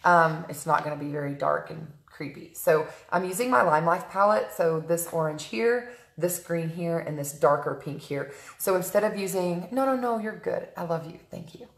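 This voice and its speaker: A woman with a low, dark voice talks viewers through her makeup live from home, filling her pauses with "um" and calling out to viewers by name. Her voice comes through a tablet camera in an echoey room. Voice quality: chatty, frequent "um" fillers, greets viewers by name mid-sentence. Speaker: makeup artist livestreaming a tutorial. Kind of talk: casual live makeup tutorial, chatting with viewers. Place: at home in a room, early morning. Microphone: tablet camera on a stand. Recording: roomy echo.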